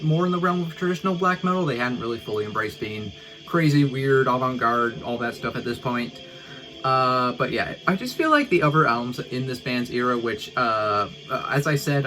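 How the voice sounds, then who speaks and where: A man in the middle of an album ranking, talking off the cuff in a relaxed, meandering way with plenty of fillers. His voice sits at an ordinary pitch for a man. Soft music plays faintly underneath. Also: rough recording. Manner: rambling, laid-back, lots of "like" and "uh". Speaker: music reviewer. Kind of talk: casual album ranking vlog.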